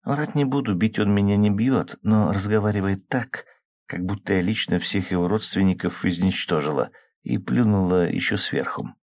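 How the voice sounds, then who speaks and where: A man's voice: fairly low pitch, normal speed, a little mellow, no room sound, close to an everyday voice. A man voicing an upset young woman who sighs and pleads plaintively, in an audiobook. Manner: plaintive, sighing. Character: upset young woman, worried about her drinking man.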